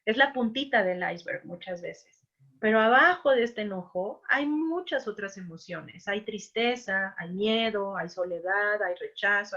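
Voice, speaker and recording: A woman's voice: medium pitch, fairly bright tone. A woman giving an informal talk to parents, conversational, often adding "no?" to her sentences. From Mexico. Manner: conversational, frequent "¿no?" and "o sea"; slips into quick acted quotes of parents. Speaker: parenting workshop speaker. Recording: dull lo-fi sound.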